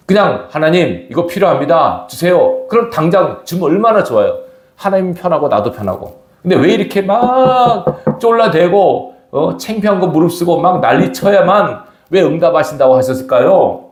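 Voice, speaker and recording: A man's voice: on the high side, a little mellow. A middle-aged man preaching a sermon as pastor, questioning the congregation as he goes. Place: church sanctuary. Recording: echoey church hall.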